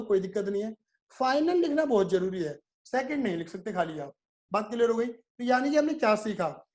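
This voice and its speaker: A commerce teacher with a very high-pitched, darkish voice delivers a video lecture. He drills terms repetitively, poses questions and answers them himself, and calls his students "my son."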